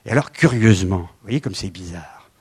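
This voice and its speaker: A man in his seventies giving a lively lecture with slides, swinging from loud emphasis to quiet asides. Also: low voice, normal speed, breathy edge. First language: French. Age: 70s.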